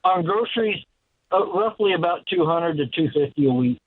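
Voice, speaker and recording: A man's voice: fairly high pitch, animated, moderate pace, a crowd in the background. A man calling in over the phone, polite and a little hesitant, saying "yes, sir". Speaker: caller. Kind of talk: casual call-in chat. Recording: tinny phone line.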